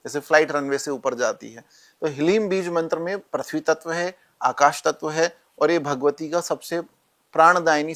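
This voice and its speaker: Man, calm instructive guest, explains rituals step by step, slightly high voice. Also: gravelly. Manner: calm, instructive, addresses listener directly. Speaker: astrologer guest.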